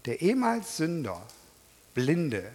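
A middle-aged man preaching a sermon, animated and emphatic, talking straight to his congregation. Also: fairly high pitch, slow pace, breathy edge. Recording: reverberant hall.

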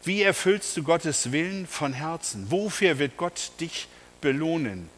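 A man's voice: on the high side, lively intonation, measured pace, fairly bright tone, in a large hall, a little hiss or hum. A man preaching a sermon, emphatic and speaking straight to his congregation with rhetorical questions. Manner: addresses the congregation directly.

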